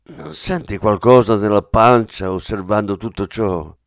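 A man's voice: fairly low pitch, animated, a little slow, dry recording. A man playing a dry ironic police chief. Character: middle-aged male police commissioner, dry and ironic. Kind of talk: audiobook character voice.

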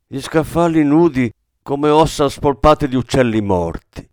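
A man narrating a novel aloud in a measured, storytelling manner, raising his pitch for the characters' quoted lines. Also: darkish tone, no room sound, studio quality. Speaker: audiobook narrator. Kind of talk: scripted narration.

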